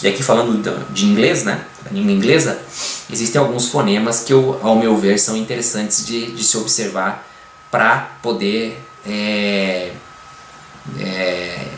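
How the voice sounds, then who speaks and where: A man from Brazil talks through a casual lesson with a lowish voice, pausing often and tacking tag questions onto his phrases. The room is echoey, with a faint hum of ambient noise behind him. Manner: hesitant, many fillers and tag questions. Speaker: language teacher.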